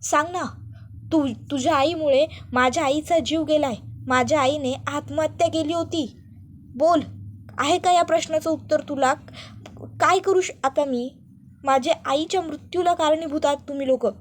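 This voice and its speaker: A woman voicing a furious young man in a serial recap, shouting accusations and demanding answers. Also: on the high side, a little fast, slight background noise, lightly acted.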